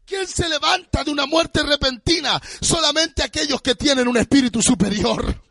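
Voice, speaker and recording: A pastor, preaching a sermon with impassioned, often shouted, sung-out phrases. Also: male voice, very high voice, moderate pace, creaky, no room sound. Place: church.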